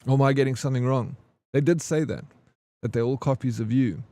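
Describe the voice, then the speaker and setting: A man's voice: medium pitch, fairly quick, warm tone, no echo. A man in his forties chatting casually with his live-stream chat, joking and answering comments. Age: 40s. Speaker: game streamer.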